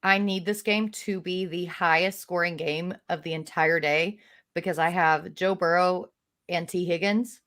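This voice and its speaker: A woman co-hosting a casual fantasy football chat, quick to chime in and agree. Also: lowish voice, fairly even intonation, fairly bright tone. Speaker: co-host.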